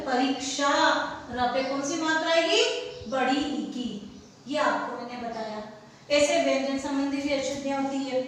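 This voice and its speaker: A school teacher with a high, slightly bright voice leads a classroom lesson in Hindi, sprinkling in English words. She quizzes pupils and then answers her own questions. The recording is distant and echoey, with slight background noise.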